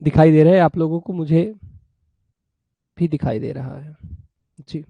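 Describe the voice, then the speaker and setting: A man with a slightly high, creaky, somewhat rough voice speaks at a measured pace in a muffled recording with no echo. Teaching a live online class, he explains law by acting out little stories as buyer and seller and stays chatty and fatherly with his students.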